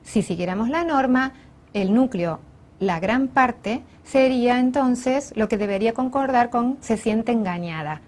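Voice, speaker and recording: A woman teacher giving a recorded online lesson, explaining each point carefully in a measured way and sometimes correcting herself. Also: on the high side, lively intonation, darkish tone.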